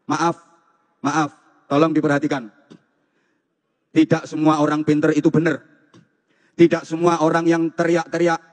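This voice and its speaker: A man with a Javanese accent giving a humorous sermon to students, teasing his audience and repeating phrases in a rhythmic, jokey way. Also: a little high. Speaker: preacher. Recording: long hall reverb.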